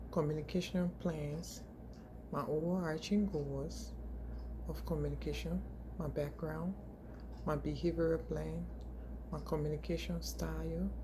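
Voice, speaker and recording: Slow deep-ish woman, 40s, from liberia, reading her class slides, some restarts, noisy recording. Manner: reads from slides with small restarts. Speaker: graduate student.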